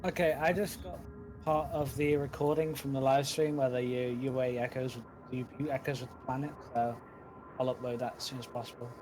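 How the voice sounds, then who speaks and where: A man's voice: medium pitch, flat delivery, fairly quick, background noise. A man talking casually with fellow players in an online voice chat, heard through a headset mic with an offhand, chatty manner.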